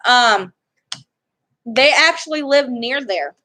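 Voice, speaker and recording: A woman's voice: a little high, lively intonation, slow pace, bright, forceful tone. A young woman chatting casually for her vlog, rambling and cutting herself off mid-sentence. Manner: chatty, rambling, self-interrupting. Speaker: vlogger. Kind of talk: casual chat.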